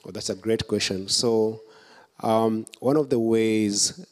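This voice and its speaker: A man's voice: on the low side, steady tone, takes it slowly, a little mellow. A man with a Kenyan accent, answering audience questions as a political candidate at a conference, earnest and building his points step by step. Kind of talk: public Q&A at a conference.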